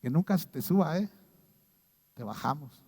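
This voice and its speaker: A man's voice: on the high side, animated, moderate pace, darkish tone, slightly rough, long reverb tail. A man with a Mexican Spanish accent preaching a sermon as pastor, telling stories and acting out the people he quotes.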